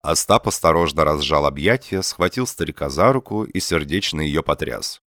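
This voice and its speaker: A man narrating satirical prose in an audiobook reading with a wry, expressive delivery. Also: extremely low pitch, normal speed, dry recording, clean studio sound.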